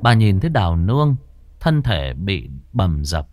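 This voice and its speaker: A man narrating a ghost story in a dramatic, expressive way. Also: low voice, unhurried.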